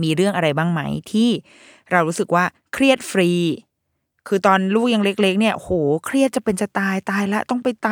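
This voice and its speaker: A woman's voice: medium pitch, a bit bright. A woman in her thirties hosting a podcast, talking casually and expressively, laughing often and throwing in playful exclamations. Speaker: podcast host. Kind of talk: casual chat podcast monologue.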